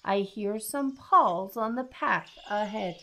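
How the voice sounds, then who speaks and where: A woman doing a gruff, gullible storybook monster. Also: medium pitch, takes it slowly, background noise. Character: huge hungry male monster, gullible. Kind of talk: storybook read-aloud.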